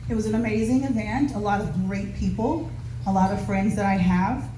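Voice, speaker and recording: A woman's voice: mid-range voice, fairly quick, warm tone. A woman from Nevada giving an earnest, rambling public comment at a community meeting, with many fillers. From Nevada, USA. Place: meeting hall. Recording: echoey hall, far from mic, noisy.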